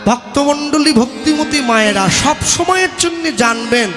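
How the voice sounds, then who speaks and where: High-voiced preacher in echoing hall. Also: male voice, lively intonation, measured pace. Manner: rhetorical questions, bursts of shouting, mocking asides. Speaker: devotional kirtan preacher. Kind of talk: sermon. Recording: long hall reverb with sitar music.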